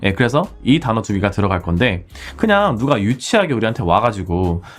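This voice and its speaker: A man's voice: fairly low pitch, big pitch swings, a little fast, a bit bright. A Korean-born man in his forties teaching English conversation casually, acting out heated street exchanges. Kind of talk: casual English lesson with role-play examples.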